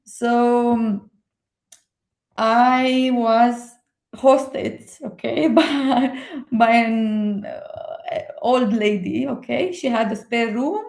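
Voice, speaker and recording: A young woman from Romania speaking English with a Romanian accent, chatting as a guest in a hesitant, excited way with many fillers. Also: on the high side, drawn-out words, vocal fry. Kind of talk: casual conversation. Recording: echoey room.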